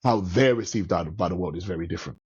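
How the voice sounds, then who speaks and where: A middle-aged man with a London accent co-hosting a casual film review chat, slangy and animated, repeating himself for emphasis. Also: low voice, fast, breathy edge. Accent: British, London. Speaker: podcast co-host reviewing films. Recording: slightly dull, lo-fi sound.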